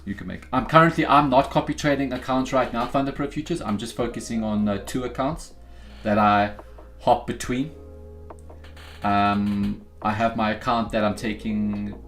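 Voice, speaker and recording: A man's voice: fairly low pitch, vocal fry, fairly bright tone. A young man from Africa, hosting a live trading stream in an upbeat, chatty way and talking straight to his viewers. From South Africa. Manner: upbeat and chatty, talks straight to viewers, calls them guys and bro. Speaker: livestream trading host. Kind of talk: casual live-stream chat.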